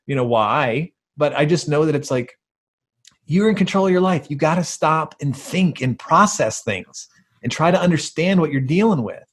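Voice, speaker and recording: A man's voice: fairly high pitch, lively intonation, moderate pace, slightly rough. A man co-hosting a podcast in casual conversation, talking in an emphatic, rambling way full of fillers. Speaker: podcast co-host.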